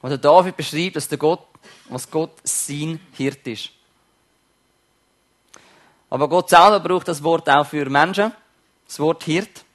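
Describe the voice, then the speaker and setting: Soft-spoken preacher, slightly high voice. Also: male voice. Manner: reads scripture slowly and softly, then paraphrases in plain everyday speech. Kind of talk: sermon with Bible reading.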